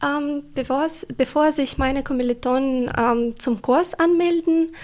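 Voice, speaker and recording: A young woman from Ukraine, an exchange student answering interview questions in careful, hesitant speech with many pauses and restarts. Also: sits high, steady tone, darkish tone. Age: young adult.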